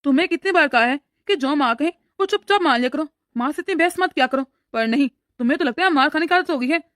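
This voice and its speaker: A young cartoon husband, voiced by a woman who placates his mother and lectures his wife in a quick, high voice. The sound is dry and close. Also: expressive, a bit bright, no room sound. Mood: lecturing. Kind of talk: cartoon story voice acting.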